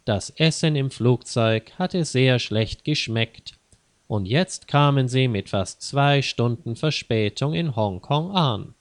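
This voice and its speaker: A man narrating a scripted story slowly and carefully, clearly spaced, for language learners. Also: mid-range voice, expressive, no room sound.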